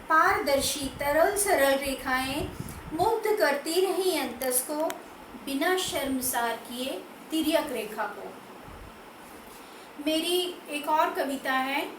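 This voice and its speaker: A high-voiced woman poet reads her verse slowly and with care. She sits away from the mic, so her voice rings in an echoey room with faint noise underneath. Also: a bit bright, distant mic. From Madhya Pradesh, India. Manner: slow, measured reading. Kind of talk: poetry recitation.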